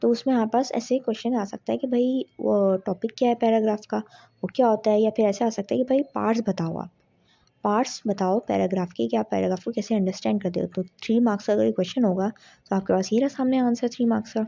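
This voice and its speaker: Husky woman tutoring for exams. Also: on the high side, steady tone, fast talker, dark tone. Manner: explains step by step, mixing in English terms. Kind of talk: exam revision lecture. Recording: dull lo-fi audio.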